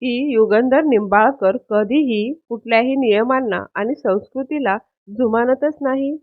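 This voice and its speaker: A woman's voice: fairly high pitch, measured pace, dry recording, natural voice. Brief: woman voicing sly mock-shocked young man, theatrical, tinny. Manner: theatrical, mock-pious exclamations. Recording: tinny phone-like audio.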